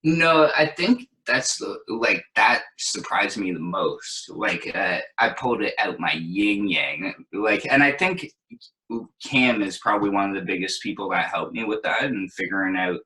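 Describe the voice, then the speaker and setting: A man's voice: on the low side, expressive, a little slow, bright, forceful tone, rough recording. A young man chatting casually as a guest, laid-back and rambling, with lots of fillers. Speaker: guest DJ and producer. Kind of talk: casual chat.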